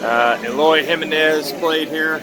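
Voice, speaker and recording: A man's voice: fairly high pitch, fairly even intonation, a little slow, background noise. A man giving casual running commentary as a vlogger, recorded outdoors at a busy ballpark. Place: outdoors at a busy baseball stadium. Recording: outdoor ballpark, loud crowd and music. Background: loud crowd and music.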